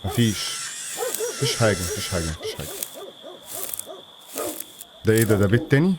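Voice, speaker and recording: Very fast and expressive, this lowish-voiced man with an Egyptian Arabic accent provides let's-play commentary on a horror game for his channel. He keeps up jumpy, nervous mutterings to himself over a noisy background.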